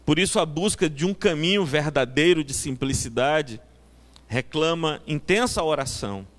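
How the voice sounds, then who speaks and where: A Brazilian Portuguese-speaking man preaching a sermon as pastor of a small church, telling a story in a reflective, unhurried way. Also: a little high. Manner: reflective storyteller, loud bursts on acted exclamations.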